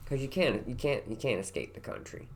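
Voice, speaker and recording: A man's voice: mid-range voice, lively intonation, fairly quick, slight background noise. A tired man in his thirties from West Virginia with a light country accent, rambling through a casual vlog in a meandering, self-deprecating way. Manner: meandering and self-deprecating, trails off into repeated words. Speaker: vlogger.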